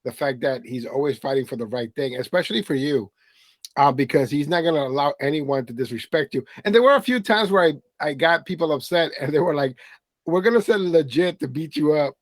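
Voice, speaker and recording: Speaking a little fast in a voice on the high side, this man hosts a casual podcast chat, asking questions haltingly with many fillers and restarts. The recording has no echo.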